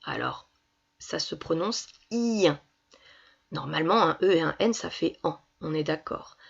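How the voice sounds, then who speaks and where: A woman's voice: sits low, normal speed, creaky, breathy edge. A woman primary school teacher giving a reading lesson to young children, patiently sounding out syllables. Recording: dull lo-fi recording.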